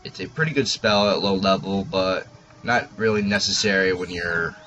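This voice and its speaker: A man's voice: low-pitched, normal speed, pushed and bright, a little hiss or hum. A man giving casual commentary as he records a video game walkthrough. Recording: dull lo-fi mic, game music behind. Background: game music.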